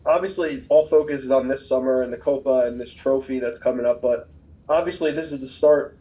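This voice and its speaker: Male reporter, mellow tone, dull lo-fi sound. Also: medium pitch, fairly even intonation, fairly quick. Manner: formal, building a question. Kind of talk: asking a press question.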